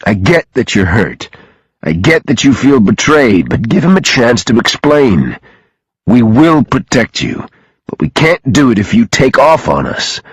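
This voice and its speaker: A male narrator voicing a stern, protective grown man who speaks in a calm, even, firm way. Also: medium pitch, measured pace, breathy edge, dry recording, pitched above the performer's own voice.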